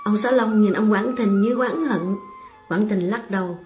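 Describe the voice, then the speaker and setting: A woman's voice: medium pitch, moderate pace, a little mellow. Woman reading a story aloud, muffled. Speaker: audiobook reader. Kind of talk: storybook narration. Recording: slightly muffled, faint music behind.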